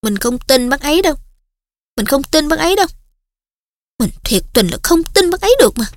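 A woman voicing an anxious, high-strung teenage schoolgirl in an audiobook. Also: very animated, fairly quick, no echo. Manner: fretful, high-strung, insistent.

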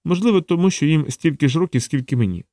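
Brief: a man playing a fierce young female soldier, terse and cold, raised pitch. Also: expressive, fast, mellow, dry recording, clean studio sound, close to an everyday voice. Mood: dry. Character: young woman special forces soldier, blunt and fierce.

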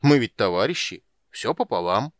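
A man's voice: lowish voice, big pitch swings, moderate pace, dry recording, studio quality. A man voicing a sly male dwarf who rambles through sheepish excuses about his gambling.

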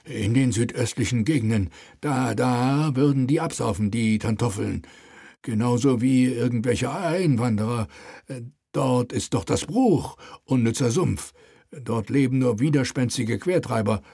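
A man's voice: medium pitch, a little slow, creaky, dark tone, husky, no echo, clean studio sound. A male reader voicing a fat, timid small-town mayor who stammers and speaks meekly. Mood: flustered. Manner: hesitant, stammering, meek.

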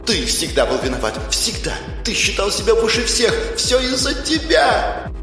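Воющая призрачная женщина в исполнении рассказчика, отчаяние, аудиокнига с музыкой. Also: male voice, high voice, sing-song, normal speed, bright, forceful tone, reverberant, big-room sound, soft background music, voice pushed up, exaggerated voice. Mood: despairing accusation. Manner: accusing, wailing. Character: desperate wailing female ghost.

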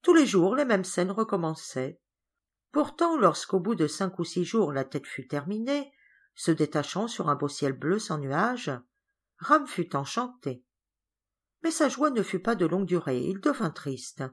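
Expressive woman reading an audiobook. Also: lowish voice, husky. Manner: expressive, measured storytelling. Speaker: audiobook narrator. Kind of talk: audiobook reading of a classic novel.

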